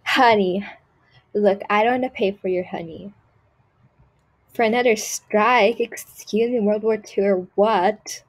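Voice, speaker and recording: A woman's voice: medium pitch, steady tone, measured pace, lightly acted, poor audio. A woman voicing a snobby, spoiled rich girl in a game role-play skit, talking with haughty disgust and lots of "like" and "ew". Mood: snooty. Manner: haughty, dismissive, full of "like" and "ew". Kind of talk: role-play skit voiced over gameplay.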